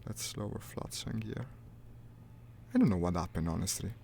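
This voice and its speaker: This streamer's voice sits on the low side with a dark tone and some vocal fry, moving at a moderate clip. He narrates his flight sim session wryly, partly to himself, and the stream audio is noisy.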